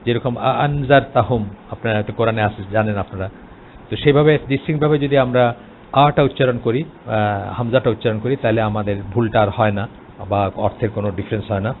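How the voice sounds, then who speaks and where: A man's voice: medium pitch, fairly even intonation, fairly quick. A man with a Bangladeshi Bengali accent giving an explanatory religious lecture, hesitant, with many filler sounds and English words mixed in. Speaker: Islamic lecturer. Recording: tinny phone-like line, faint noise.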